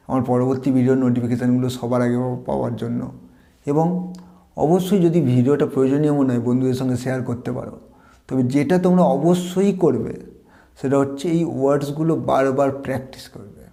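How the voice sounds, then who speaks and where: A man with a Bengali accent teaching English pronunciation in an online lesson, slowing down to drill words and example sentences. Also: medium pitch, mellow.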